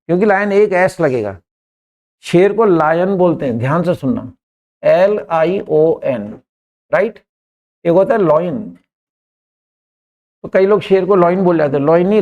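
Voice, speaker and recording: A man's voice: fairly high pitch, darkish tone, dull audio. A man teaching an English grammar lesson in a classroom, repeating words and often checking that his students understand.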